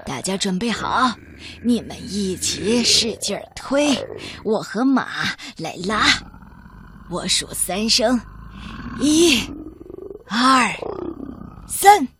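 Farmer, woman reading it: bossy, commanding, slow delivery, storybook tone. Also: mid-range voice, lively intonation, background noise. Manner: commanding, counting out loud. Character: bossy take-charge male farmer.

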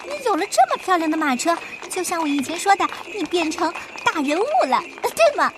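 A woman voicing an eager little girl hen who calls out in a shrill, excited voice. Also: fairly quick, noisy background.

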